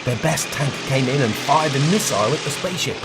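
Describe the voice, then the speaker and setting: A man's voice: mid-range voice, expressive, a little fast, heavy background noise. A man narrating a homemade comic adventure story in a plain storytelling manner. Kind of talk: read-aloud comic story.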